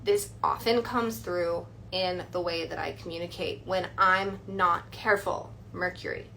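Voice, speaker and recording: A young woman talking casually into her phone on a live stream, her voice bright and forward. She rambles a little, leans on fillers, and sounds earnest and slightly defensive as she explains her view. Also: on the low side, fairly even intonation, measured pace, gravelly, a little hiss or hum. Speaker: astrologer hosting a live stream.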